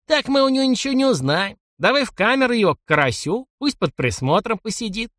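A man voicing a scrawny, cackling old jailer boss with a creaky, high voice and a mocking, bossy, drawn-out way of talking. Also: sing-song, a bit bright, dry recording, studio quality, exaggerated voice. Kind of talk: audiobook character voice.

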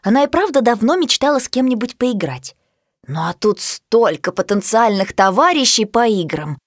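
A woman narrating a children's storybook with an expressive, lively reading. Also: fairly high pitch, moderate pace, no room sound, studio quality.

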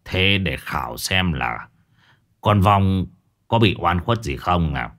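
A man voicing a weary, grumbling old male exorcist master, slow and drawling. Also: sits low, animated, a bit bright, pitched below the performer's own voice, heavily acted. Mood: wry.

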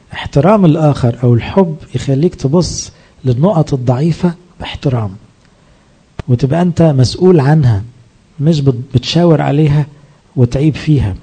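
A man's voice: mid-range voice, dark tone, breathy edge. A man with an Egyptian accent, a priest giving a sermon, explaining his points through rhetorical questions that he answers himself. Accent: Egyptian Arabic.

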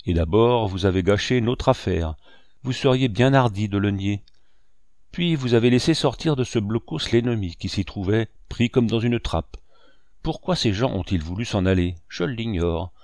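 A defiant pirate sailor, played by a male audiobook reader, lays out his charges in an insistent, accusing tone. The sound is dry and close. The voice is low. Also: animated, normal speed, darkish tone, dry recording. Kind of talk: audiobook reading.

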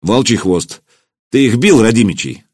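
A man's voice: on the low side, lively intonation, normal speed, a little mellow, breathy edge, no room sound, clean studio sound. A man voicing a proud, imperious grand prince who speaks in a commanding, irritable way.

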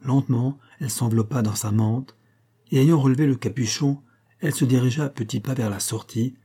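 A man narrating a classic French novel as an audiobook, at a measured, even pace. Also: medium pitch, breathy edge. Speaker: audiobook reader.

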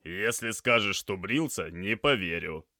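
A man playing a loud barking paramedic. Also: deep voice, lively intonation, unhurried, no echo, clean studio sound, heavily acted. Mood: urgent. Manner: commanding, clipped, shouted orders. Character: brisk loud male paramedic barking orders.

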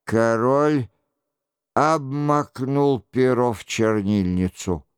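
A man narrating a classic adventure novel in a measured storytelling manner. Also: mid-range voice, clear, resonant tone, dry recording, clean studio sound. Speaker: audiobook narrator. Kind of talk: scripted narration.

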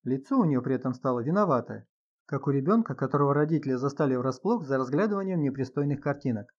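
A man narrating a crime novel as an audiobook in a steady, even storytelling manner. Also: mid-range voice, quick pace, highs cut off. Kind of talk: scripted narration.

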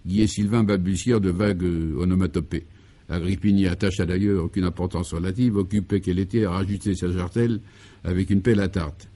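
A man reading scripted comic narration for a radio serial, in a dry, measured storytelling manner. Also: low voice, steady tone, dark tone.

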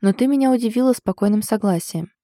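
A woman's voice: fairly high pitch, fast talker, no room sound, studio quality, pitched above the performer's own voice, lightly acted. A woman reading the lines of a stubborn, ironic young wife in an audiobook. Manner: ironic, sulky, sharp.

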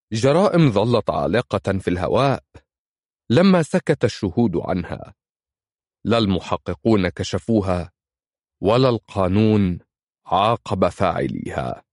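A man reading a first-person audiobook story in a measured, somber manner. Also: fairly low pitch, very animated, darkish tone, no room sound, clean studio sound. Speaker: audiobook narrator.

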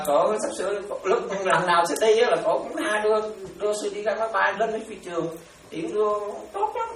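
A man, a monk, giving a chatty, animated dharma sermon full of stories and repetitions. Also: high-pitched. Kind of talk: sermon with storytelling. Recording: echoey, distant mic, faint noise.

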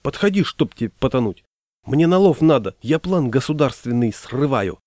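A man voicing a whiny, anxious fishing-boat captain who laments and shouts orders. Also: mid-range voice, normal speed, no echo, studio quality, natural voice. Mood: wailing scolding.

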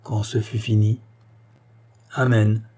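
Man narrating a novel, dark husky voice. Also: fairly low pitch, steady tone, normal speed. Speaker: audiobook reader.

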